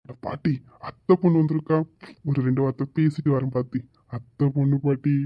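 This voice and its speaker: A man's voice: medium pitch, fairly even intonation, brisk, no echo, highs cut off, natural voice. A man doing a cheeky, teasing young grandson. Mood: playful. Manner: teasing, playful. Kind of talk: web drama voice acting.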